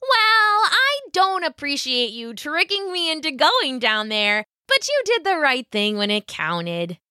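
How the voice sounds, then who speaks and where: A woman voicing a clever young female rabbit in a storybook, with a very high, squeaky voice. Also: a little slow, dry recording, studio quality, heavily acted. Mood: earnest. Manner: squeaky, excited and pleading.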